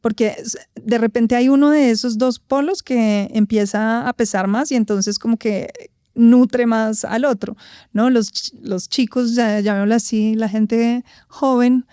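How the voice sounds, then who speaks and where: A woman's voice: on the high side, steady tone, a little slow, warm tone, clean tone, dry recording, studio quality. A woman with a Colombian accent, an anthropologist and voice coach, answering reflectively in an interview, thinking aloud with tag questions.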